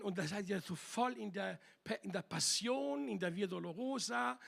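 Guest pastor, man, high gravelly voice, slow emphatic preaching. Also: fairly bright tone. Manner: passionate, emphatic preaching with repetitions. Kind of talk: sermon. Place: church hall.

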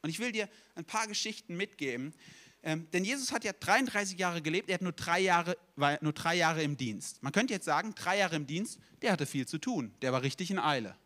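A young man preaching a sermon, telling stories in a lively way and acting out quotes casually. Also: a little high, brisk.

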